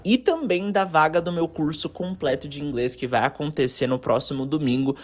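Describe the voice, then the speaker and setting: A man from Brazil teaching an online English lesson, speaking directly to the viewer and slowing down to model each word. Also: a little high. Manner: energetic, talks straight to the viewer, models pronunciation slowly.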